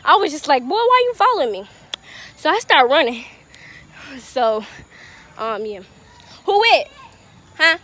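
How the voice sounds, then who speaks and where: A young woman chatting casually to her camera outdoors on a hot day, animated and slangy, raising her voice over others. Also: high-pitched, a little slow, long pauses. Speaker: vlogger. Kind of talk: casual vlog chat. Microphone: handheld camera.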